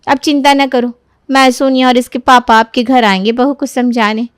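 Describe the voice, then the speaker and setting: A woman's voice: sits high, flat delivery, normal speed, smooth, no echo, studio quality, close to an everyday voice. A woman voicing a caring middle-aged mother in a cartoon story, coaxing and soothing in tone. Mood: consoling. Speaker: Madhu, Sonia's mother.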